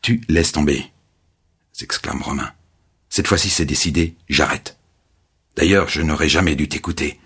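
A man reading the part of a quick-tempered male novelist in a spoken story, brusque and irritable. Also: a bass voice, fairly bright tone, slightly rough, heavily acted.

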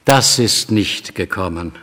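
A coaxing storybook mother, gentle yet firm, put on by a male narrator. The voice carries a long hall echo. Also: low-pitched, expressive, slow pace, full character voice.

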